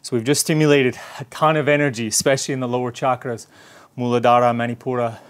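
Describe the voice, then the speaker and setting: A man's voice: mid-range voice, flat delivery, fast talker. Male yoga instructor, motivating and a bit out of breath, medium voice. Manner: encouraging, coaching instructions. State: slightly out of breath. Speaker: yoga teacher. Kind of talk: guided kundalini yoga class.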